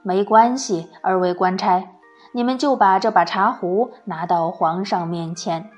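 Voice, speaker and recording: A woman voicing a calm, clever male magician in a storybook tale, speaking in a lower voice. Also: faint music behind, lightly acted. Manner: calm, unhurried.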